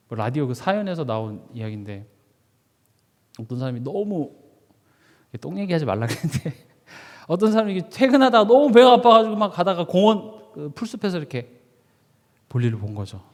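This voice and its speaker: Male pastor, lively sermon delivery, long hall reverb. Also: fairly high pitch, moderate pace, long pauses. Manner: animated, swings between loud and hushed, acts out anecdotes. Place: church sanctuary.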